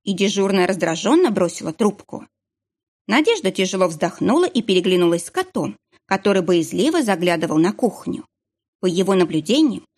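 A woman reading a novel aloud as scripted narration in an expressive way. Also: medium pitch. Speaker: audiobook reader.

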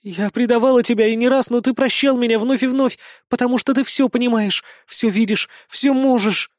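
A man voicing a desperate young woman who pleads for her lover, his voice pushed up high. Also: steady tone, normal speed, no room sound, clean studio sound. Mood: pleading.

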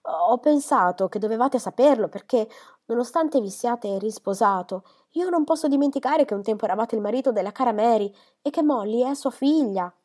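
A woman's voice: fairly high pitch, animated, normal speed, darkish tone, voice pushed up. A woman reading the lines of an anxious older spinster lady who is fretful and tearful, speaking in a trembling, hesitant way.

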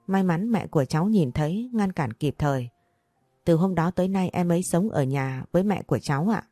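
Earnest respectful young man in an audiobook, read by a woman, polite and pleading; low and dry. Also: lively intonation, brisk, mellow, dry recording, faint music behind. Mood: explaining.

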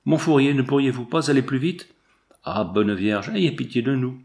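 Un homme lisant un jeune soldat effrayé qui prie. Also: male voice, mid-range voice, moderate pace, a little mellow, natural voice. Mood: frightened. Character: frightened young male soldier praying.

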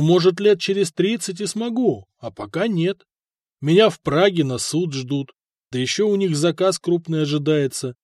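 Audiobook: male narrator as a cold, stubborn prince, firm and cutting, fairly high voice, dry close sound. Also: darkish tone, no room sound, lightly acted. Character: stern, cold middle-aged prince, stubborn ruler.

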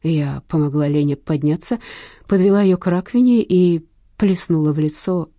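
A woman narrating a first-person audiobook in a brisk, ironic storytelling manner. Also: sits low, warm tone, no room sound, clean studio sound.

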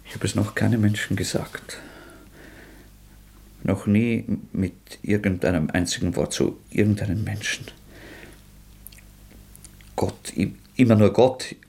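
An actor playing a tormented young murderer in a radio drama, swinging between bitter mockery, feverish outbursts and hushed whispers, with a gravelly, husky voice. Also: male voice, on the low side, a little slow, long pauses, exaggerated voice.

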